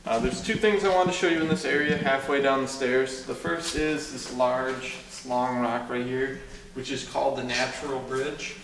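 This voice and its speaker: A man's voice: mid-range voice, steady tone, moderate pace, fairly bright tone. Man guiding a tour in an echoing cave. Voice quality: cave echo on the voice. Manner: explanatory, pointing out features. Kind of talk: informal guided tour talk. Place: inside a cave. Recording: echoing cave, distant mic, clear noise.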